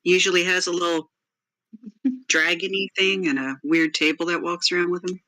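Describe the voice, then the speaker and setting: Bright, dry-sounding tabletop player. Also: medium pitch, moderate pace, no echo, poor audio. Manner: casual, laughing, hesitant. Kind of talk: in-character tabletop play.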